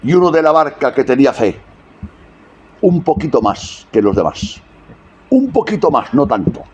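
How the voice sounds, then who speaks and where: A man's voice: mid-range voice, very animated, normal speed, darkish tone, dull audio, slight background noise. A man preaching a sermon, often asking the congregation rhetorical questions.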